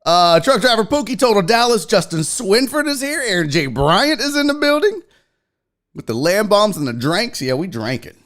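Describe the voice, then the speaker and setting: A man's voice: high-pitched, sing-song, moderate pace, a bit bright. A man hosting a casual livestream, greeting viewers in slangy, buddy-like terms with blunt, profane, joking talk. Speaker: livestream host.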